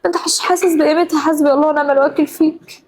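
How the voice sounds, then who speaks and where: A woman's voice: high voice, steady tone, very fast, a little mellow, low-quality recording. A young Egyptian woman with an Egyptian accent, acting in a family drama, scolding over and over and growing emotional. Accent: Egyptian Arabic. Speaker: regular of the show.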